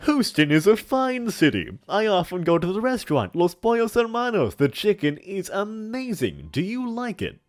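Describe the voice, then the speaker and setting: Hammy stage-actor style, a man playing pompous older hard man, melodramatic, menacing, high-pitched, wildly animated. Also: moderate pace, few pauses. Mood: sinister, nostalgic. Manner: hammy stage-actor delivery with grandiose emphasis. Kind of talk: hammy theatrical dramatic reading.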